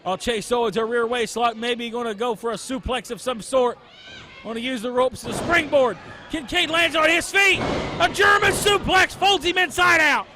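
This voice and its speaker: A man's voice: extremely high pitch, noisy background. A man working as a wrestling commentator, calling the action in dramatic exclamations and rhetorical questions. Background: crowd at a wrestling event.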